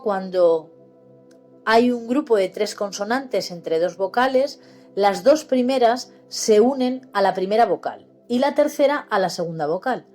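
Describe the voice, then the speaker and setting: A woman with a Spanish accent from Spain teaching a slow, patient literacy lesson, spelling words out syllable by syllable. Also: on the high side, a little mellow. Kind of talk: explaining grammar lesson.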